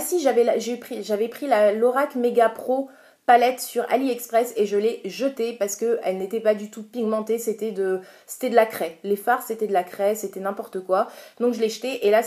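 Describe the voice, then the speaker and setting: A woman's voice: medium pitch, warm tone. A woman reviewing makeup in a casual home vlog, gushing and exclamatory, with many fillers. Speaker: beauty vlogger. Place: at home, indoors.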